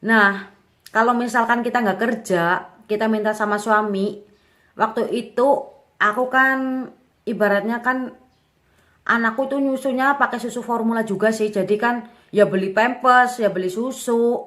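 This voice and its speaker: A young woman in her twenties talks straight to the camera as a vlogger. She tells her own story in a candid, relaxed way, with plenty of casual fillers. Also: fairly high pitch, moderate pace, pauses often. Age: 20s. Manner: chatty, candid, lots of fillers.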